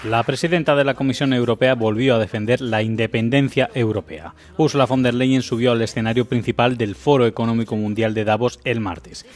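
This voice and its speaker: A man narrating a news report in a steady, formal way. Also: medium pitch, fairly quick, hardly any pauses.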